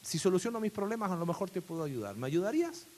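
A preacher voicing a calm old sage. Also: male voice, high voice, quick pace, pitched above the performer's own voice. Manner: calm, instructing.

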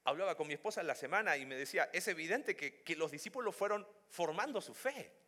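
Pastor, man, sermon, bright sharp voice, direct questions, long hall echo. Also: animated, fast. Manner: swings from soft, low reflection to loud, high-pitched emphasis; addresses listeners directly with questions.

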